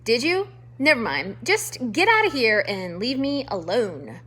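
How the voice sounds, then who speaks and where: Cranky old porcupine, read by a woman: loud, insulting, slightly husky. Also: sits high, very animated, slow, heavily acted. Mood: scornful. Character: grumpy old male porcupine, gruff loner. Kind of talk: storybook read-aloud.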